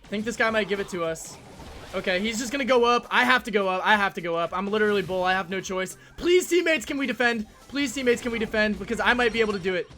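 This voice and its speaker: A young man giving live commentary on his own game, ranting and yelling at his teammates, his voice strained from getting sick. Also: high voice, fast talker. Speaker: gaming YouTuber.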